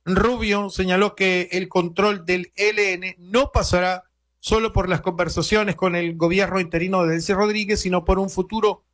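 A man hosting early-morning radio news in a notably high voice. He talks loosely and conversationally, dropping in wry asides between the news items. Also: fairly even intonation, normal speed, fairly bright tone. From Venezuela. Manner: conversational, reads quotes aloud, adds wry asides.

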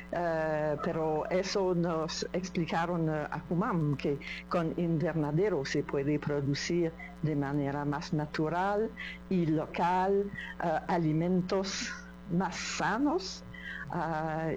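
A woman's voice: low-pitched, darkish tone, muffled recording. A woman from an aid association answering interview questions, hesitant with many fillers.

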